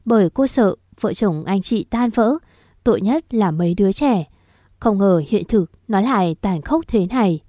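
A woman narrating a story in a steady, gentle reading voice. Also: mid-range voice, moderate pace, no room sound, studio quality.

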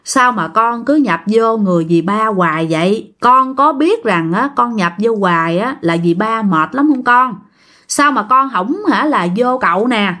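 A woman voicing a gentle older uncle who gently questions a spirit. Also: fairly high pitch, animated, unhurried, voice pushed down. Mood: coaxing.

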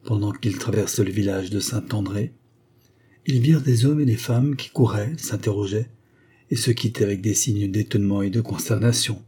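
A man giving scripted narration of a classic novel as an audiobook, in a measured, steady storytelling manner. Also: lowish voice, husky.

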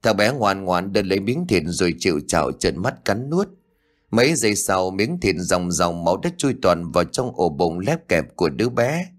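A man narrating a dark horror story as an audiobook, reading in a dramatic, suspenseful way. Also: deep voice, very animated, normal speed.

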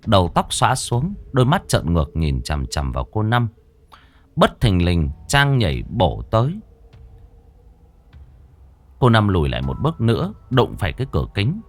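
A man narrating a horror story in a dramatic, expressive storytelling manner. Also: lowish voice, normal speed.

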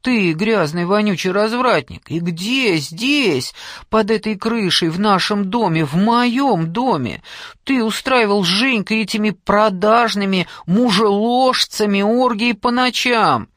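A man's voice: animated, a little slow, no room sound, studio quality. A man reading an audiobook, voicing a domineering older aunt who screams abuse at her family. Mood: furious screaming. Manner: screaming, abusive, shrill outbursts. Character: shrieking furious older aunt, domineering woman.

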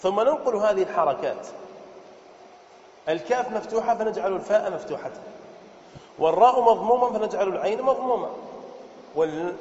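A high-pitched man gives a classroom lesson, repeating each point and quizzing his listeners. He slows right down to spell out words. The recording sounds dull, with a long, echoey room reverb and a faint hiss behind. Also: expressive, darkish tone. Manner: explains step by step, repeats, quizzes listeners with questions. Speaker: sheikh teaching Arabic morphology.

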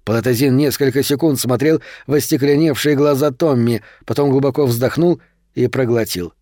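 A man narrating a horror novel as an audiobook, in a steady, measured reading. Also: mid-range voice, no room sound, studio quality.

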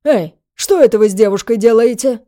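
A woman voicing a fussy, eager older male bystander who talks loudly and in a hurry. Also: a little high, no echo, studio quality, natural voice. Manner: loud, hurried.

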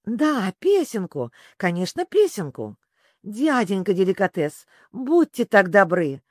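Storybook girl, young and timid, hesitant and polite, lively rising pitch, dry sound, as the reader plays her. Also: normal speed, dry recording, natural voice. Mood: eager.

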